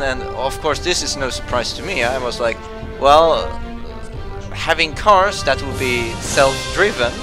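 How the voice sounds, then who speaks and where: A man with a Swedish accent, a native Swedish speaker, rambling through news commentary with many fillers and restarts. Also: mid-range voice. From Sweden. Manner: meandering, full of fillers and restarts.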